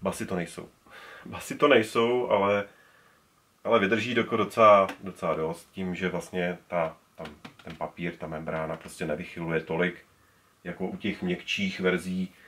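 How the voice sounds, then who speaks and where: This is a speaker collector in his forties with a deep, steady, slightly bright voice, giving a relaxed show-and-tell indoors among his speakers. His talk wanders, with many restarts, as he picks up and handles the gear.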